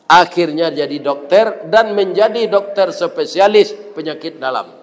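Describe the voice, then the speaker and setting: A man with a Minangkabau accent preaching a sermon, telling a story with lively asides and jokes for the congregation. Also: on the high side, in a large hall. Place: mosque.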